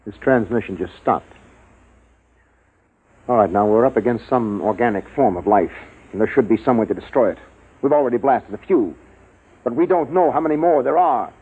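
A man's voice: mid-range voice, normal speed, pauses often, husky. An actor playing an urgent male major who leads a station through a crisis, in 1950s radio drama style on a tinny old broadcast. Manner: urgent, explanatory. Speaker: base officer and scientist.

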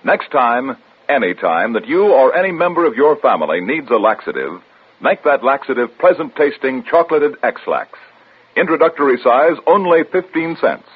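Chipper husky 1950s radio ad man. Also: medium pitch, sing-song, normal speed. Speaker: commercial announcer. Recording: muffled vintage radio broadcast.

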